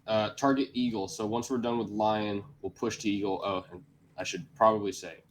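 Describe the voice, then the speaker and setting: A man with a very low voice leads a tactical mission briefing like a squad leader. His delivery is flat and even, grave and commanding, setting out each step matter-of-factly. Some faint noise sits behind him. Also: normal speed. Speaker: squad leader giving a mission briefing in a military simulation game. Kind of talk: tactical mission briefing, semi-scripted explanation.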